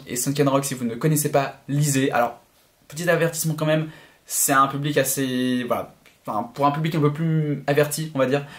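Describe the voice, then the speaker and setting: A young man talking casually and enthusiastically in a vlog, rambling with many fillers and restarts. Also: mid-range voice. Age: young adult. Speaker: YouTuber.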